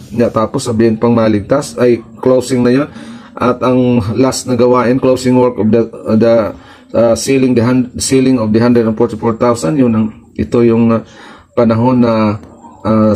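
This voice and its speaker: Filipino pastor guy preaching, reads a bit then hammers the point over and over, mid-pitched voice. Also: little pitch movement, normal speed, a little mellow, poor audio. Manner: reads passages in English then explains them in Tagalog, repeating points emphatically. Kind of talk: preaching sermon, reading and explaining scripture.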